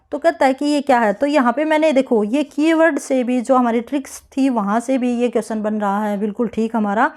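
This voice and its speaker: Woman tutor, fairly high, mellow tone, reads questions slowly and explains casually. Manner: reads questions slowly, then explains in Hindi mixed with English. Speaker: English exam tutor. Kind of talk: online exam answer-key lesson.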